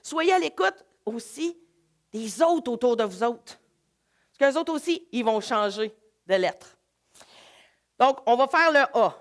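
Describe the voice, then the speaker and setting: A woman with a Québécois accent, leading a live laughter workshop in an energetic, coaxing way. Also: a little high, a little slow, long pauses. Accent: Québécois French. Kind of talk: live workshop talk to an audience.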